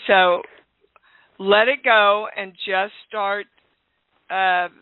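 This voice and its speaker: A woman's voice: mid-range voice, steady tone, clean tone, no room sound. An older woman hosting a call-in radio show, giving spiritual guidance in an emphatic, affectionate way. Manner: emphatic, affectionate, slow and deliberate. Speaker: host and healer. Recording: tinny phone-line sound.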